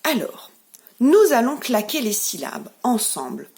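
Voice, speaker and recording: French preschool teacher, woman, slow and lilting, fairly high voice, gentle and carefully articulated. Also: big pitch swings. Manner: slow, gentle and clearly articulated, leading children through syllable clapping. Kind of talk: remote lesson for young children.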